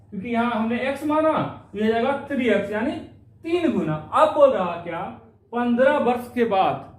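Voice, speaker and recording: A man with a very high-pitched voice, sitting far from the mic, teaches a maths lesson for exam prep. He works through every problem step by step, repeating phrases along the way, and the room sounds echoey.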